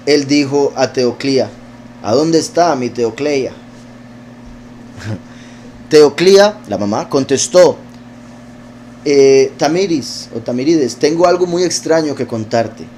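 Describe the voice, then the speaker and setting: A man's voice: on the high side, a little mellow, slight background noise. A man teaching his congregation. He reads a text aloud and keeps breaking off to explain it in an informal, digressive way, with frequent hesitations. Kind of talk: conversational scripture teaching.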